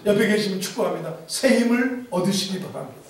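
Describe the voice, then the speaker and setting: High-pitched preaching man in echoey hall. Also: fast, over a noisy crowd. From Chungcheong, Korea. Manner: animated preaching with humor and mimicked dialect. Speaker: pastor. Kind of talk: sermon. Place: church sanctuary. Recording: echoey church hall from a distance.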